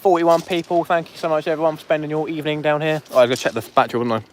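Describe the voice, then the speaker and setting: A man's voice: fairly high pitch, steady tone, very fast, a little hiss or hum. A man hosting a live fishing stream outdoors on a beach, chatting and joking with viewers through a phone mic. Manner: jokey, chatty, banters with viewers. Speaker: fishing livestream host. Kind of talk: casual live commentary to chat.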